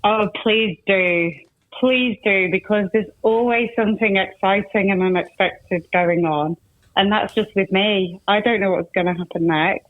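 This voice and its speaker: A woman's voice: mid-range voice, unhurried, dry recording. Woman guest telling stories, chatty, over a tinny phone line. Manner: chatty storyteller. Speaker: podcast guest. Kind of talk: casual interview chat.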